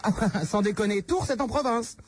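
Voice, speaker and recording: A man hosting a late-night radio phone-in, teasing callers with crude, quick-witted banter. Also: high voice, animated, noisy background. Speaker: radio call-in host.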